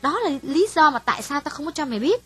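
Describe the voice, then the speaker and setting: A woman voicing a frank, worldly young woman in an audiobook, speaking bluntly to a friend in a husky voice. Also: sits high, very animated, fast talker. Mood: earnest, candid. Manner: frank, dismissive storytelling. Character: calm, worldly young Vietnamese woman, older sister.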